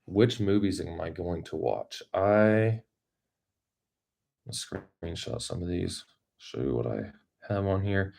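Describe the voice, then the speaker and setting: A man's voice: low voice, slow pace, gravelly, pauses often, a little mellow. A man hosting a casual, unscripted livestream, rambling and thinking aloud as he talks to viewers. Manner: rambling, thinking aloud while reading the chat. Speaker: YouTube creator hosting a livestream.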